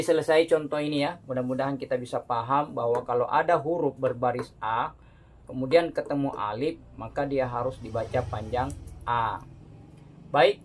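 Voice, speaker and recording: A man teaching beginners to read the Quran, explaining each rule patiently, adding "ya" after phrases and drawing example words out slowly. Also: on the high side. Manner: frequent "ya" tag after phrases. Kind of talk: step-by-step recitation lesson.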